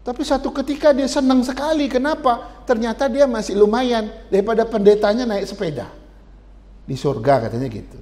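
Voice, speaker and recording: A man's voice: very high voice, expressive, a little fast, a little mellow. A male pastor giving a sermon in a conversational style, often turning to address the congregation directly.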